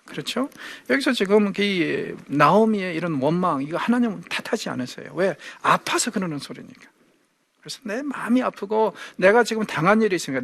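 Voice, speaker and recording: Gravelly, higher-pitched man teaching the Bible. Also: fairly bright tone, no room sound. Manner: asks the audience rhetorical questions; acts out quoted speech vividly. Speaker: Bible lecturer. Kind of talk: Bible lecture.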